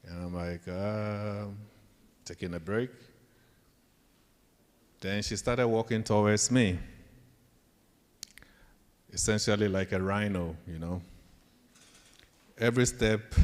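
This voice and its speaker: Slow and steady, with frequent pauses, a lowish male voice carries a Ghanaian accent through a leadership talk told as stories. This professor addresses students and acts out pieces of dialogue, all captured in an echoey hall with long reverb.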